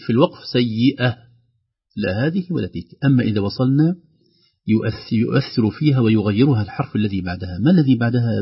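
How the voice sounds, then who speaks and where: A man teaching Quran recitation on a radio lesson, explaining calmly and slowly chanting verse examples. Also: mid-range voice, slightly rough, dull audio.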